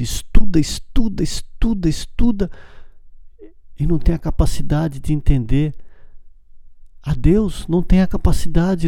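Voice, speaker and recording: Gravelly man preaching a sermon. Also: on the high side, dark tone, no room sound, studio quality. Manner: exhorting, repetitive, asks "né?" and "tá?" often. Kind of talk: informal evangelical sermon.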